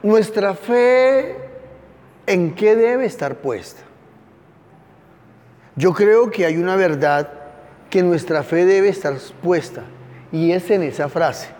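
A man with a notably high speaking voice leads a teaching sermon, poking fun at the story as he tells it. He calls on listeners by name, and his voice rings out with a long reverb across a large hall. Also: a little mellow, a little hiss or hum. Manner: sarcastic, playful, quizzes listeners by name. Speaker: pastor.

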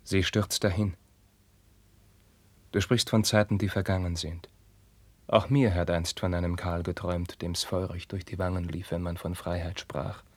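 An actor playing an anguished young prince, declaiming verse in a 1950s radio drama and swinging from hushed whispers to outbursts. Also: male voice, deep voice, flat delivery, moderate pace, no room sound. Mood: brooding. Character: young anguished prince, passionate, tormented by forbidden love.

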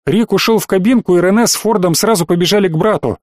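A man's voice: high voice, fast talker, a little mellow, dry recording, studio quality, pitched above the performer's own voice, natural voice. A man voicing an earnest boy cadet who backs up a friend eagerly, in an audiobook.

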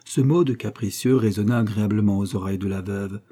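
A man narrating a classic novel in a measured, even storytelling manner. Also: lowish voice. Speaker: audiobook narrator. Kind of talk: scripted narration.

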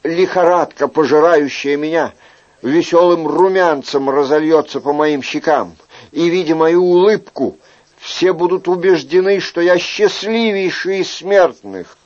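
Casting: a man voicing an earnest young courtier, fervent and pleading, raised pitch, slightly muffled. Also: unhurried, lightly acted.

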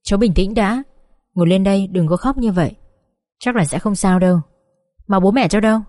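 A woman voicing a kind middle-aged woman who gently consoles a stranger in an audiobook story. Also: mid-range voice, fairly quick, no room sound, studio quality, natural voice. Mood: consoling.

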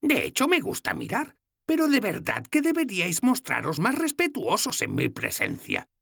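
Man putting on a high scolding old goddess, blunt, mocking, audiobook. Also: wildly swooping pitch, moderate pace, vocal fry, a bit bright, breathy edge, dry recording, clean studio sound, full character voice. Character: stern old woman goddess, gruff and mocking. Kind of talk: audiobook character voice.

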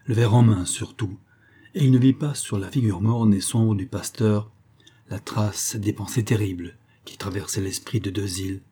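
A man reading a novel aloud in steady, measured scripted narration. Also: lowish voice, slightly rough. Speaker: audiobook narrator.

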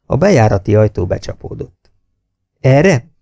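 A man narrating an audiobook in a steady, measured reading style. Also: mid-range voice, creaky, no echo, studio quality.

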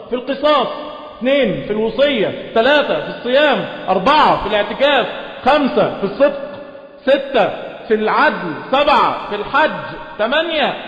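A man with an Egyptian accent giving a Quran lesson, moving between lively dialect explanation with rhetorical questions and slow recitation. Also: sits high. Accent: Egyptian Arabic. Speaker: religious teacher. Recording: echoey hall, muffled lo-fi sound.

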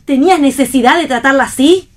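A woman's voice: fast, close to an everyday voice. A woman voicing an exasperated young mother who coos at her child and scolds her husband, in a radio theatre reading. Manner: cooing then shrill scolding.

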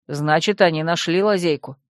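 A man's voice: on the high side, normal speed, no echo, close to an everyday voice. Woman doing a pensive young werewolf guy thinking aloud, dry read.

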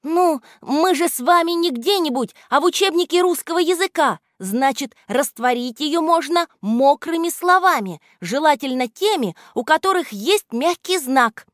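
A woman's voice: medium pitch, animated, slow pace, hardly any pauses, fairly bright tone, no room sound, clean studio sound. A woman voicing a male grammar helper who explains things in a teacherly tone. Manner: schoolteacherly, exclaiming.

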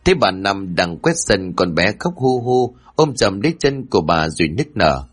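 A man narrating a dramatic family story in an expressive reading. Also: low-pitched, normal speed, slightly rough, faint music behind.

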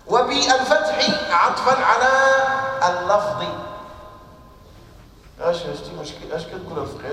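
Man, classroom lecture, fairly high voice, recorded from far off in a big hall with a long, booming echo. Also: pushed and bright, a little hiss or hum. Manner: questions the students and answers himself. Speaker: teacher of religious texts.

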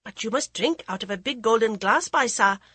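Cheeky ten-year-old village boy, high bright voice, put on by a woman narrator. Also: lively intonation, a little fast, husky, no echo. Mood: teasing.

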